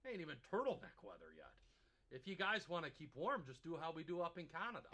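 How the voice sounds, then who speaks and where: Old prospector, folksy drawl, sharp rasp, wildly varied pitch, comedy sketch. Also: male voice, very animated, fast talker, full character voice. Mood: folksy, amused. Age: older. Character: folksy old prospector in a Yukon miner's shack.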